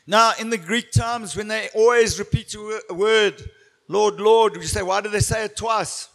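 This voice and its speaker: A man preaching a sermon in short phrases, pausing after each one so an interpreter can translate. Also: sits high, a bit bright.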